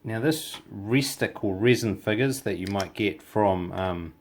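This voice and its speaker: A man with a New Zealand accent talks through a hands-on hobby tutorial. His voice is very deep, with plenty of gravelly creak. The delivery is casual and halting, as he works out his phrases while demonstrating. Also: a little hiss or hum. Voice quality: gravelly, low voice.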